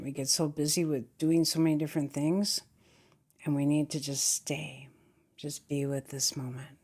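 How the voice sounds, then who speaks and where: A woman guiding a meditation, speaking gently and slowly, with a soft, breathy voice that often drops to a near whisper. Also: low-pitched. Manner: gentle, unhurried, repeats "just". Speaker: meditation teacher. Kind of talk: guided meditation.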